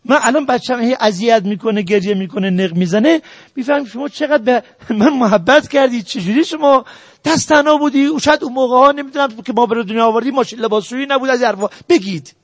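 Guy preaching a sermon, really high voice, urging the crowd, numbered points, dry mic. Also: no room sound. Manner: earnest, exhorting the audience directly. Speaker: religious lecturer. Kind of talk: sermon on family ethics.

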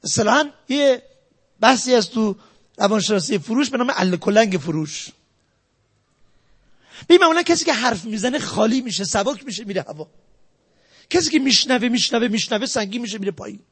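A man giving a sales lecture, emphatic and repetitive, jumping between loud stresses and quiet asides. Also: high-pitched, expressive, pauses often, husky. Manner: emphatic, repetitive, talks straight to the audience. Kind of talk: motivational lecture.

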